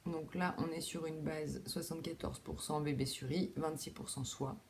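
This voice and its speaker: A woman's voice: sits low, steady tone, normal speed, a little mellow, a little hiss or hum. A young woman hosting a knitting video podcast from home, chatting casually with lots of fillers, restarts and self-deprecating asides. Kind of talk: casual chat. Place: home room with window.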